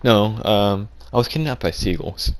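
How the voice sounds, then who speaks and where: Deep-voiced man rambling a deadpan tall tale. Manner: rambling, halting, full of restarts and fillers. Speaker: vlogger. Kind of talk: deadpan absurd storytelling.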